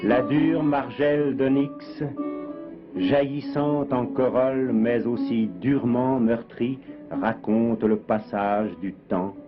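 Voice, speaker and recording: A man giving solemn, measured, poetic scripted documentary narration, heard as a 1950s TV broadcast. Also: medium pitch. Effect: 1950s TV broadcast sound. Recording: dull lo-fi 1958 archive with music. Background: plucked guitar music.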